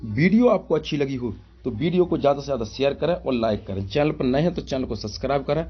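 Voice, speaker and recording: A man's voice: medium pitch, lively intonation, fast, slightly rough, highs cut off, faint music behind. A man teaching English pronunciation in a spoken lesson, asking himself repeated questions and calling his listeners brother. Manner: drills with repeated rhetorical questions. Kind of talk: classroom-style spoken lesson.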